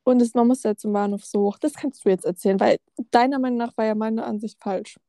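A woman's voice: on the high side, steady tone, fast talker, dark tone, no echo. A teenage girl chatting casually and telling a story, correcting her friend's version of events. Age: teens.

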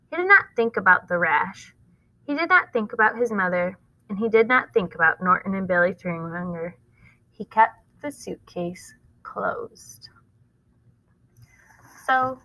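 A woman teacher reads a chapter book aloud to her class. She stops to explain it in plain, casual words with small fillers. Her voice is bright, and the recording is close and dry. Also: mid-range voice, dry recording, low-quality recording. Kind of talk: reading a novel aloud with explanations.

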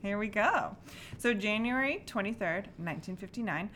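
A woman co-hosts a casual podcast, giggling often and sounding animated as she tells a mystery story. Her mid-range voice moves at a moderate pace over a slight hiss or hum.

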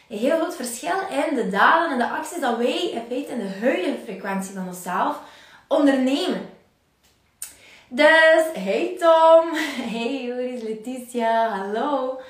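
A woman with a Flemish accent giving an energetic motivational livestream talk, acting out inner voices. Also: high voice, a little slow. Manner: energetic, acts out inner voices, laughs often. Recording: very echoey room, mic at a distance.

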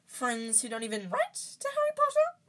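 A woman voicing a small, anxious male house-elf from a storybook, squeaky and pleading, servile yet stubborn, speaking of himself in the third person. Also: wildly swooping pitch, moderate pace, fairly bright tone, full character voice. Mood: sly. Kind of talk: storybook character voice.

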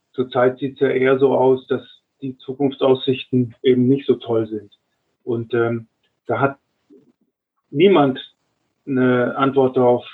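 An older man, a retired airline captain, giving measured advice in an interview, often restarting his sentences. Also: mid-range voice, husky. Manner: measured, advisory, frequent restarts. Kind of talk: reflective interview answers. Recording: narrow phone-like line.

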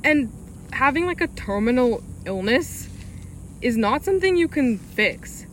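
A young woman with a somewhat high voice, chatting casually. She laughs often and talks haltingly, with many pauses and restarts. There is a light hiss behind her. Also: lively intonation. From Alaska. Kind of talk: casual chat.

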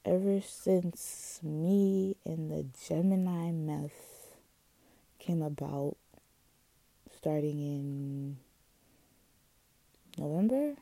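A woman's voice: sits low, very slow, creaky, pauses often, dark tone, no echo, low-quality recording. A woman hosting a casual, candid solo podcast, musing and confiding with slang and swearing, her articulation slightly off from wearing a retainer.

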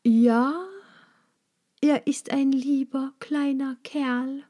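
A woman's voice: a little high, drawn-out words, full character voice. Woman voicing a condescending dragonfly lady. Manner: calm, soft, condescending, partly whispered. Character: huge female dragonfly, cold and condescending predator.

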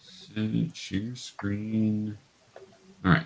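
This patient game master teaches children a tabletop roleplaying game over an online call, casually explaining and narrating. His fairly low voice is flat, creaky, and extremely slow, with slight background noise.

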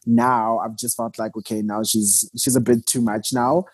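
A man's voice: medium pitch, little pitch movement, moderate pace, darkish tone, slightly rough, no echo. A man in casual podcast chat, who cannot say his R's and says w for r. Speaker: podcast co-host. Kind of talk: casual chat about a TV series.

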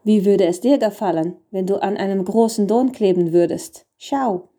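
A tiny male elf from a storybook, cranky at first but kindly underneath, put on by a woman. He talks slowly in a lowered, grumbling voice. The tone stays soft and mellow. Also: natural voice. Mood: grumpy.

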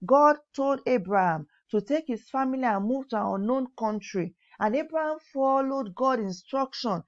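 Woman Bible teacher for a teen lesson, fairly high voice, reads scripture with slow emphasis on key words, dull lo-fi sound. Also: animated. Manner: pauses to correct herself, occasional coughs.

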